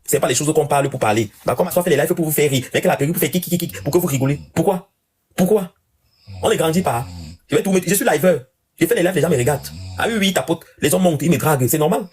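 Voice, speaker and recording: A man hosting a casual live stream, talking to his viewers in an animated rant with lots of repetition. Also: a little high. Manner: rapid, animated ranting with repeated phrases.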